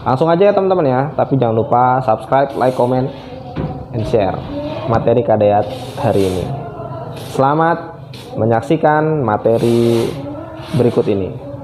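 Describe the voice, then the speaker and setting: A man's voice: mid-range voice, lively intonation, normal speed, pauses often, noisy background. A man who is a primary school teacher, giving a friendly, chatty online lesson to children and often starting phrases with a filler.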